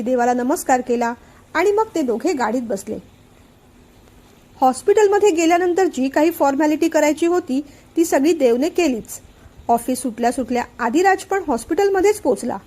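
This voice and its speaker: A woman, author and narrator, reading a family novel aloud in a calm, even storytelling manner. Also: sits high, normal speed.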